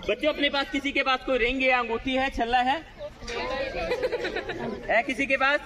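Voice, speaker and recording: A man's voice: very high-pitched, fairly even intonation, fast. A man with a Haryanvi accent performing a live magic show for students, coaxing and teasing his volunteers. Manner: coaxing, teasing, calls everyone "beta". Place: outdoors at a school gathering. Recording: outdoor crowd noise around the voice.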